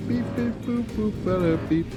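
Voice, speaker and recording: A man's voice: high-pitched, moderate pace, music in the background, pitched above the performer's own voice, natural voice. A man doing a chirpy beeping robot voice. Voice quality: sing-song beeps and boops instead of words. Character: beeping little robot, chirpy machine noises. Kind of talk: playful voice put on while streaming a game.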